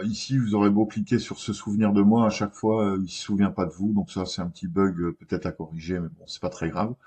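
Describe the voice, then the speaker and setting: A man hosting a screen-recorded web tutorial, talking in a relaxed way with many hesitations and restarts. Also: lowish voice, husky.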